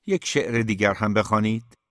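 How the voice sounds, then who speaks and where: A man's voice: on the low side, dry recording, clean studio sound, natural voice. A man reading an audiobook, voicing a polite, easily distracted young man.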